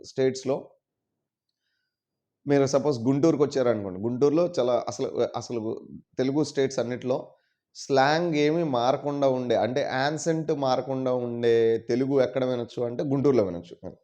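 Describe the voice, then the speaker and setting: A man teaching English in a casual video lesson, explaining patiently and repeating words slowly. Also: medium pitch, mellow. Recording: dull lo-fi sound.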